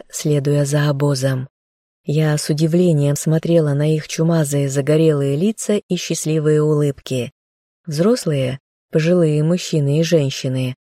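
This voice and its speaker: A woman reading a novel aloud in scripted first-person narration with a steady storytelling manner. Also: sits low, no room sound, studio quality. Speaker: audiobook narrator.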